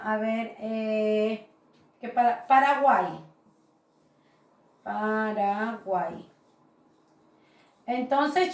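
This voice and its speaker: Slow, patient woman teacher in an echoey room. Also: high-pitched, distant mic. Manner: slow, patient explaining with frequent "¿verdad?" tags. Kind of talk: recorded grammar lesson.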